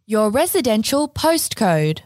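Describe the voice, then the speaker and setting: A woman putting on a flat robot voice to play an automated health text-message service in a comic sketch. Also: a little high, measured pace, no echo, studio quality. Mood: deadpan. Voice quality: flat, monotone robot voice reading stock messages. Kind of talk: comic sketch read aloud.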